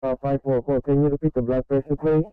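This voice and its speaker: A man's voice: medium pitch, flat delivery, quick pace, clear, resonant tone, no echo, soft background music. A man, a nurse on emergency radio, speaking in brief, clipped radio procedure over a two-way transmission. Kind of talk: radio communication. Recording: tinny, narrow two-way radio line.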